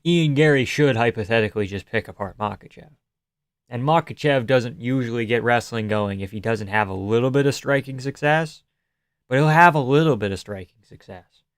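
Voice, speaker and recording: A young Canadian man streams live, riffing loosely and sarcastically on viewer comments and swearing freely. His mid-range voice sounds smooth and clear on a close mic in a dry, dead room with no echo.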